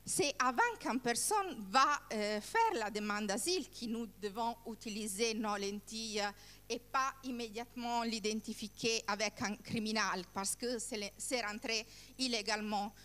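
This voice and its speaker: A woman leading a workshop, speaking haltingly in French that is not her native language, putting questions to participants. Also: on the high side, pushed and bright, clean tone. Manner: halting, searching for words in non-native French. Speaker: workshop trainer. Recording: echoey hall with long reverb.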